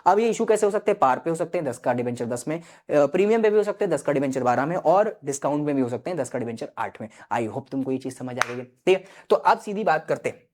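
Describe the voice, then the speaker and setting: A man's voice: on the high side, lively intonation, fast, hardly any pauses, darkish tone. A male teacher giving an online exam-prep lecture, explaining step by step and often checking in with his students. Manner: explanatory, keeps checking in with students, mixes in English terms. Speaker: accountancy teacher.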